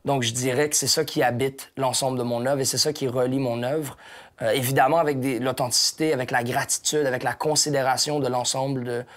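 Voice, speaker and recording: A man's voice: mid-range voice, steady tone, a little fast, fairly bright tone. A man in his thirties with a Québécois accent, answering interview questions thoughtfully with frequent hesitations and restarts, on a lapel mic in a small lounge studio. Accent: Québécois French. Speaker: hip-hop artist guest.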